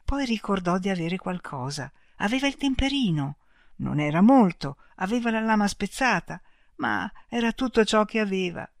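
A narrator reading a story in a calm, measured audiobook style. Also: mid-range voice, no echo, clean studio sound.

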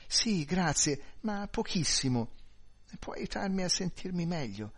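Brief: polite, soft-spoken young widow, done by a male reader; pleading, courteous. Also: sits high, very animated, a little slow, breathy edge, voice pushed up, exaggerated voice.

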